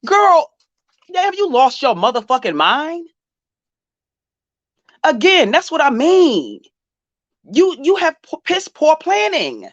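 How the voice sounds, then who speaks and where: A woman's voice: extremely high pitch, no echo, highs cut off. A woman vlogger giving blunt, profane, scolding commentary, talking straight to the person she is criticizing. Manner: blunt, scolding, profane, addresses the subject directly. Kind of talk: casual reaction commentary.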